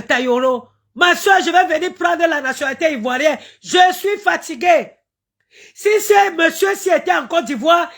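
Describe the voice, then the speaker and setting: On a live stream, a woman from Cameroon delivers an impassioned, indignant rant full of stammering and chanted invocations. Her voice is high-pitched with a fairly bright tone.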